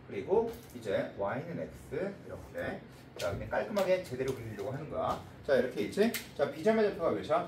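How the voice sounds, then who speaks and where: Animated man teaching math in an echoey room. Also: fairly high pitch, background noise. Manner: brisk, checks in often with the class. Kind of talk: classroom lecture. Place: classroom. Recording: echoey room, heard from a distance.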